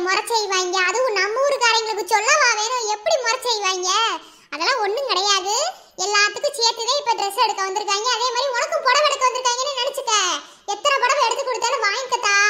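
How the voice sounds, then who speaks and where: A woman's voice: extremely high pitch, bright, forceful tone. A woman voicing a motherly middle-aged aunt with a Madurai Tamil accent, lecturing a bride-to-be in a cartoon. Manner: long preachy advice, coaxing questions. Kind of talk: cartoon voice acting.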